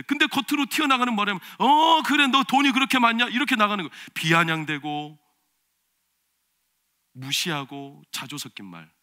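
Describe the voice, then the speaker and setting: A man preaching a sermon as pastor, swinging between loud, emphatic preaching and quiet, confiding storytelling. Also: high voice. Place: church sanctuary.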